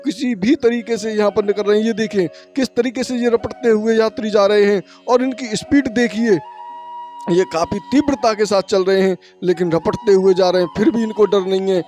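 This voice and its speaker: A high-pitched man speaks urgently to his viewers as friends while filming a devotional pilgrimage vlog outdoors. He talks into a camera mic from a motorbike on a muddy road in the rain, with faint music underneath. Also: steady tone, normal speed, a little mellow. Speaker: pilgrimage vlogger. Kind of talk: devotional travel vlog narration.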